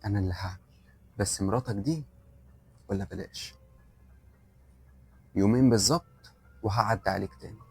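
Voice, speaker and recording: A calm, grave old sheikh with an Egyptian accent, as the storyteller puts him on, talking softly and steadily in a lowish voice. Faint music plays under him. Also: male voice, normal speed, creaky, long pauses, breathy edge. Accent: Egyptian Arabic.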